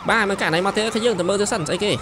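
A young man giving excited gameplay commentary, shouting quick directions as he plays. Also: high voice, background noise. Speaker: gameplay streamer. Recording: voice over loud game sirens. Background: police sirens from the game.

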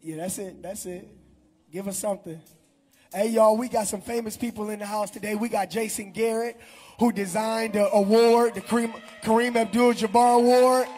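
A middle-aged man speaking, a pastor leading a prayer and offering announcements in a large church hall on a handheld mic, animated and shouting to the congregation. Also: high voice, normal speed, husky, soft background music.

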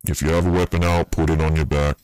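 A man in game voice chat giving calm checkpoint commands in character. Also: rumbling low, fast talker, smooth.

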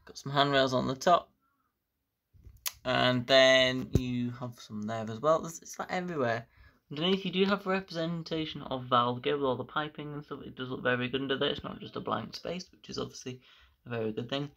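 A man's voice: medium pitch, fairly quick, creaky, fairly bright tone. A man, casually reviewing a model locomotive at length, enthusiastic and rambling. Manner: enthusiastic, rambling with fillers like "bits and bobs".

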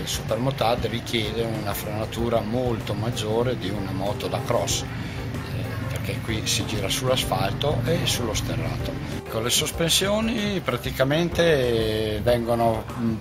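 An older man, a motorsport team manager, talking plainly about his racing team in a casual interview, with fillers and restarts. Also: mid-range voice. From Italy. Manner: relaxed, plain-spoken, with frequent fillers and restarts. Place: team garage at a race paddock. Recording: loud music behind the voice. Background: loud music.

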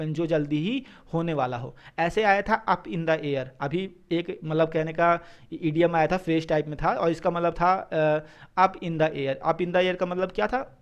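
A male teacher who explains exam answers, reading English sentences slowly and then explaining them quickly. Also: on the high side, dull audio. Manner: mixes English phrases into explanations, repeats "ठीक है".

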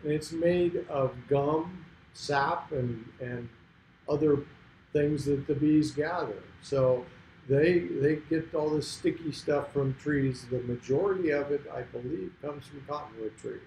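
A man with a mellow, dark voice wanders through his points with pauses and restarts. He is a beekeeper sharing what he knows in a casual group chat. His voice carries a roomy echo over faint ambience. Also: fairly high pitch, a little hiss or hum. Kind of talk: casual discussion.

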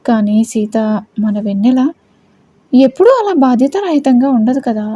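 A woman's voice: high-pitched, big pitch swings, normal speed, warm tone. A woman voicing an uneasy middle-aged aunt who asks worried questions.

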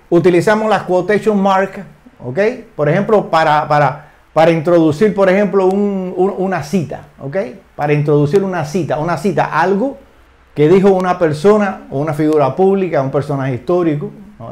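An older man with Spanish as his first language walks learners through an English lesson. His voice sits a little high, and he slows right down to spell out each English example. He keeps checking in with his listeners as he goes. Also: a little mellow. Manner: repeats phrases, frequent tag questions, slow careful English examples. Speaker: English teacher.

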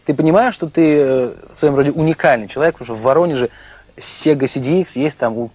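Husky-voiced man hosting playfully. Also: on the high side, fast, a little mellow, no echo. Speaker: TV show host. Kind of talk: playful TV presenting and interviewing. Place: small TV studio.

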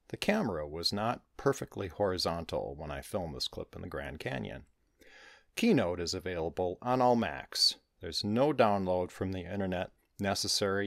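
A man with a very low voice talks through a software tutorial at an easy, step-by-step pace. His delivery moves up and down a lot in pitch despite the deep tone, and the recording is close and dry with no room sound. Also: creaky, dry recording. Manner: calm step-by-step instruction. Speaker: tutorial host.

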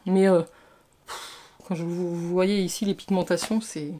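A woman's voice: fairly low pitch, fairly even intonation, normal speed, warm tone. A woman beauty vlogger chatting enthusiastically through a makeup palette review, with frequent restarts. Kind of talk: casual makeup review to camera.

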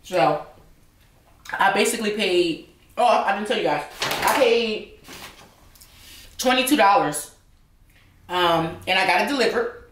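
A woman's voice: medium pitch, measured pace, pauses often, fairly bright tone, a little hiss or hum. A young woman vlogger chatting casually at home while she eats, sometimes talking with her mouth full. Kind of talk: casual chat while eating. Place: home, indoors. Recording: roomy, from a distance.

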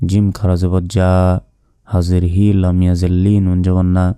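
A male Quran reading teacher spells out letters and vowel marks in a slow, measured way, then chants the verse with long drawn-out sounds. His voice is low, flat and very dark, yet remarkably clear and smooth. The sound is close and dry, with no room echo.

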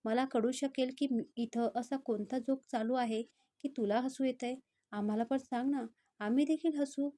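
A woman's voice: high-pitched, fairly even intonation, moderate pace, close to an everyday voice. A woman voicing a strict young female college lecturer who scolds a student in a storybook reading. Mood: stern scolding. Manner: scolding, sharp questions.

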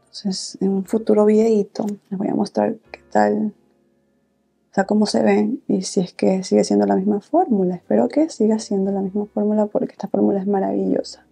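A woman vlogger speaks in a soft, hushed, intimate way, as if keeping her volume down. Her voice is mellow with plenty of gentle creak. She chats casually through a beauty routine over faint background music. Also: mid-range voice, level tone, brisk. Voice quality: soft-spoken. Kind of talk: casual get-ready-with-me makeup chat. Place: small indoor room, filming setup.

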